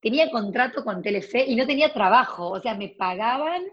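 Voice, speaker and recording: Expressive and a little fast, this woman's somewhat high, fairly bright voice comes through dull audio. She's an actress guest in her forties with a Rioplatense Argentine accent, telling stories about her life with plenty of restarts and asides.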